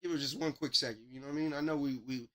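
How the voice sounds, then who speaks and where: Over the music tracks he's reviewing, a livestream host gives informal, slangy, off-the-cuff commentary on songs. His voice is medium-pitched, steady, and a bit bright, and he talks at a racing pace.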